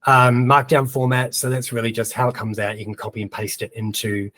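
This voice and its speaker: Brisk and flat in delivery, this man's medium-pitched, fairly bright voice carries a New Zealand accent. He's presenting a webinar, a relaxed screen-share tutorial in which he chats and thinks aloud while typing, dropping in lots of ums.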